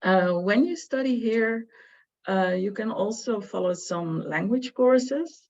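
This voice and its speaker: A woman talks through her slides on a video call, stopping often on "uh" and "um" as she goes. Her pitch sits in a middle range. The sound is dull and lo-fi, as call audio often is. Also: takes it slowly, a little mellow. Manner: hesitant, many fillers. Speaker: student advisor presenting. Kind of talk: online information presentation.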